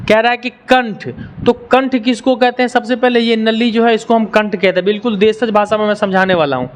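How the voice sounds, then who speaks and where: A male teacher with a high voice gives a grammar lesson. He sounds each syllable aloud for the class, then asks a question and answers it himself. English words slip in among his explanations.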